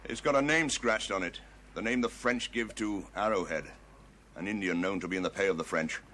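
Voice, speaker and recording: An actor playing a stern middle-aged army sergeant in a period television drama, blunt and authoritative. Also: male voice, low voice, a little fast, bright, forceful tone, slight background noise. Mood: stern questioning.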